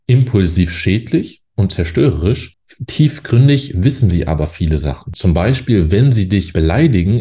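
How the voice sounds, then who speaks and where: A man speaking earnestly to the listener as a counselor, giving direct advice in a steady monologue. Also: deep voice. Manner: earnest, direct second-person address. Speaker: psychological counselor.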